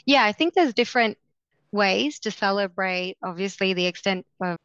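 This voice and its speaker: A woman moderates a panel conversation, measured and encouraging. Her voice is smooth and resonant, heard close and dry with no room around it. The sound is a little dull, with the top end rolled off. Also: mid-range voice, a bit bright, dry recording. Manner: measured, encouraging, frequent fillers.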